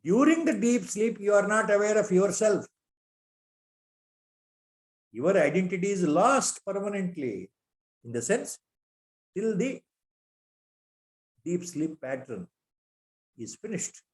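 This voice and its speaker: A man's voice: high voice, sing-song, takes it slowly, pauses often. A man with an Indian accent gives a spiritual discourse, reciting Sanskrit verses and asking repeated rhetorical questions. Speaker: spiritual teacher.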